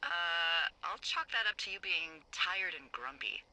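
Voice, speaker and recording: A woman's voice: lowish voice, expressive, slow, sharp tone, exaggerated voice, poor audio. An actress playing a playful, needling woman fire lookout talking over a radio handset. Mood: teasing. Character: teasing, nosy adult woman fire lookout.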